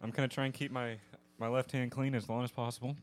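A man's voice: medium pitch, little pitch movement, fast talker, a little hiss or hum. A man from Arizona co-hosting a casual podcast while eating hot wings, easygoing and jokey, close on the mic in a podcast studio. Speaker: podcast co-host.

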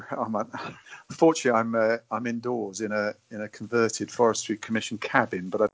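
A guest who advocates natural navigation talks thoughtfully and hesitantly in a conversation, often repeating words while he works out a point. His fairly low, steady voice moves fairly quickly, captured indoors in a wooden cabin on dull, muffled lo-fi audio.

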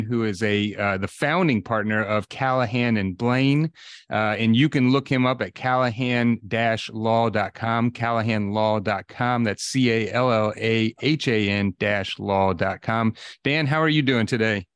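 A man's voice: lowish voice, measured pace, a bit bright, clear, resonant tone, dry recording. Man hosting a podcast, very dry sound. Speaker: podcast host. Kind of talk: conversational introduction of a guest.

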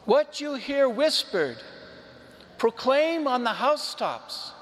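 A high-voiced man, a priest, reads the gospel aloud in an unhurried, solemn cadence. His words ring out with a long cathedral echo, as if he stands at the front of a large church. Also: big pitch swings. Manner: slow, measured proclamation. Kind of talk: solemn liturgical gospel reading. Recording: long church hall reverb.

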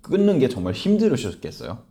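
A man's voice: medium pitch, huge pitch swings, very fast, warm tone. A man working as a live interpreter, relaying another speaker's words in casual conversation. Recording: roomy, echoing sound.

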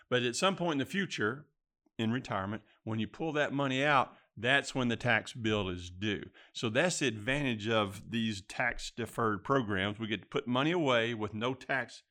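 A man's voice: medium pitch, moderate pace, pushed and bright. A man hosting a financial discussion, recapping and asking questions in plain words. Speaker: podcast host.

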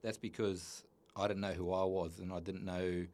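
A man in his thirties with a New Zealand accent, telling his personal story as a guest in an earnest, halting way with many restarts. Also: low-pitched, level tone, darkish tone.

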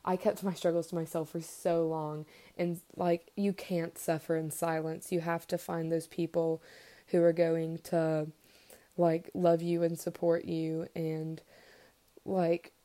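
A young woman talks in casual podcast chat, her voice a little low and mellow, and she stays fairly flat in tone. She is full of fillers and small giggles and keeps gushing about the people she cares about. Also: a little slow. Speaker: podcast guest.

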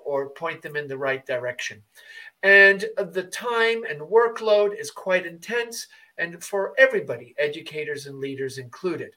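A man's voice: a little high, fairly bright tone, rough recording. A man hosting a podcast, chatting casually and rambling a little through his introductions. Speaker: podcast host.

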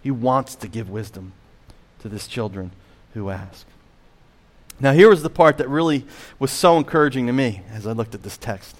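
A man preaching a sermon as pastor, emphatic, slowing on key phrases, swinging between loud and hushed, and asking the listeners direct questions. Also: medium pitch, lively intonation. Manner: emphatic preaching with wide swings in loudness and slowed stressed phrases; asks the congregation direct questions.

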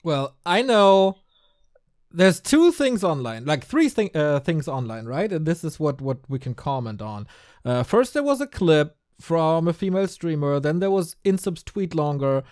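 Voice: mid-range voice, sing-song, unhurried, darkish tone. A co-host chatting casually on a podcast, laughing often and sounding upbeat. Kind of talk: casual chat.

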